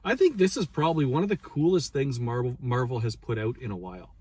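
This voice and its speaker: A man's voice: medium pitch, lively intonation, quick pace, a little mellow, slight background noise. A man co-hosting a casual movie review chat with playful, bantering talk. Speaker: podcast co-host.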